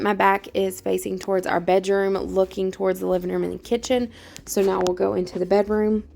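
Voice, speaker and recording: A woman's voice: mid-range voice, gravelly. A young woman, chatting casually while walking through her home with a handheld camera and laughing often. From Louisiana. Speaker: vlogger.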